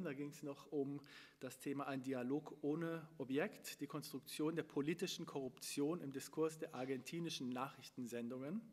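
Middle-aged man, moderator, hesitant with fillers, stand mic, long hall reverb. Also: a little high. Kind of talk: live talk introduction and interview. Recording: long room reverb, from far camera.

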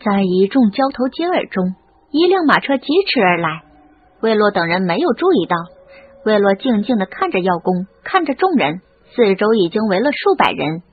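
A woman narrating a novel audiobook in an expressive storytelling manner. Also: medium pitch, moderate pace, slightly rough. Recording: lo-fi phone-like audio. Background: faint music.

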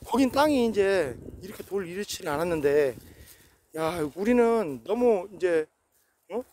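High-voiced preachy man in his forties. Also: expressive, unhurried, a little mellow. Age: 40s. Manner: preachy, repetitive affirmations. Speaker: vlogger. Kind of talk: casual outdoor vlog talk. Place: outdoors on a rocky hillside. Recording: noisy outdoor recording.

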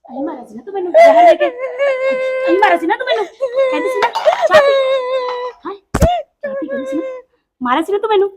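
A woman's voice: very high-pitched, very animated, quick pace, long pauses, background noise, pitched above the performer's own voice. Woman doing a taunting, wailing vengeful ghost. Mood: menacing. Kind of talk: Punjabi short film acting.

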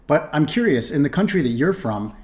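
A man's voice: fairly high pitch, sing-song, brisk, darkish tone. Chatty young Canadian man reacting. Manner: chatty, laughing asides, repeats himself. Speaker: reaction streamer. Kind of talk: casual reaction commentary. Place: small room indoors.

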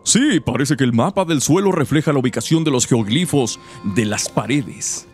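A man's voice: mid-range voice, animated, normal speed, a little mellow, faint music behind, close to an everyday voice. A man voicing an elderly, wise woman advisor from a fantasy game in a put-on thin, solemn old-lady voice. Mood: musing. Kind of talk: dramatic read-aloud of game dialogue.

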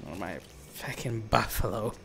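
Man, live gaming commentary, bright tense voice, sweary, playful, theatrical. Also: lowish voice, gravelly, a little hiss or hum. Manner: profane, playful, mock-theatrical taunting. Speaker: streamer.

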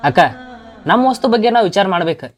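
A man's voice: high voice, lively intonation, fast talker. A man playing a village uncle who reasons and advises, with a North Karnataka Kannada accent. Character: calm village uncle giving advice. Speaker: brother of the mother.

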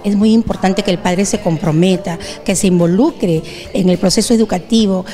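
A middle-aged woman with a Peruvian Spanish accent, interviewed in a school room with a handheld mic, speaking earnestly with pauses. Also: mid-range voice, fairly even intonation, dark tone, soft background music. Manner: earnest, slow, with fillers. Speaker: school director. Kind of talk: on-camera interview. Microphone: handheld station mic.

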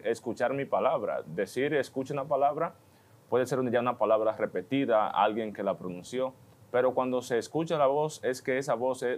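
A man speaks in an ordinary mid-range voice on a religious television panel. He reasons through a Gospel passage thoughtfully, building the explanation one step at a time. He leans on linking words to move from point to point. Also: medium pitch. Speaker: vocation panelist on a religious TV program.

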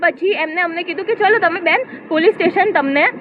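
A woman's voice: extremely high pitch, brisk, noisy background. A woman with a Gujarati accent earnestly recounting an incident in a first-person account to a reporter. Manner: earnest, quotes others' words while retelling. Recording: tinny narrow-band sound.

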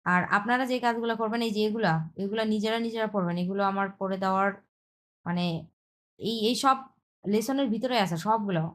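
A woman's voice: mid-range voice, brisk. Woman teacher, Bengali, explaining Chinese grammar in a repetitive, step-by-step online lesson. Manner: explains step by step, repeats herself, checks with "হ্যাঁ".

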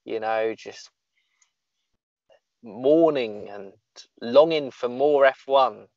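A man's voice: medium pitch, takes it slowly, gravelly, a little mellow, dry recording, highs cut off. A man co-hosting a casual podcast, rambling and joking at his own expense. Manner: joking, rambling, self-deprecating. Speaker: podcast co-host.

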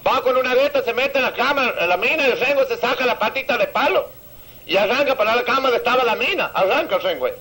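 A man's voice: very high-pitched, lively intonation, fast talker, sharp tone, low-quality recording. A man from Santiago del Estero with a Santiagueño Argentine accent, telling crude jokes outdoors as a stand-up comedian and laughing at his own punchlines. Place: outdoors on a seaside promenade.

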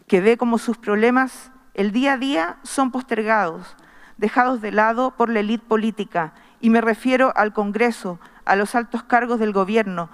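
Middle-aged woman, earnest measured delegate reading her address; smooth resonant voice ringing in a big reverberant chamber. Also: a little high. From Chile. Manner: earnest, measured, reading from notes with small restarts. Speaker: constitutional convention member. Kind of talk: formal speech read from paper. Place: large wood-panelled assembly hall. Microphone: podium microphone. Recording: long reverb of a large hall.

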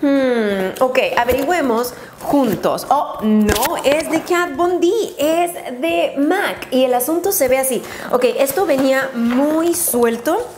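A chatty, excitable woman with a Mexican accent, unboxing a beauty haul and dropping English exclamations. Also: high-pitched, measured pace, hardly any pauses. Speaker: beauty vlogger. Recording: roomy echo with faint noise.

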